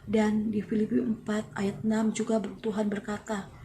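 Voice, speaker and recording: A married woman gives a personal faith testimony, speaking slowly in short, halting phrases. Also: medium pitch, completely flat delivery, mellow, slight background noise. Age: adult, married with family. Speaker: church member giving testimony.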